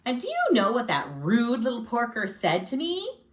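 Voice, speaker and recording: With a slightly high voice and huge pitch swings, a woman reads at a moderate pace in an echoey room. Her storybook character is a self-pitying male wolf who chats through his side of the tale, sly and aggrieved, folksy and theatrical, sneezing for effect.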